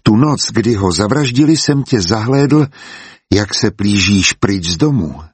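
A man voicing a jovial young ironworks owner who smoothly blackmails a rival. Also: fairly low pitch, animated, no room sound. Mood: sly.

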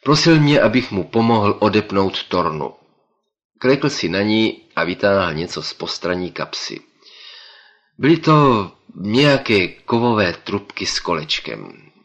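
A man reading a first-person story aloud as an audiobook narrator, in steady, measured storytelling. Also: lowish voice, muffled recording.

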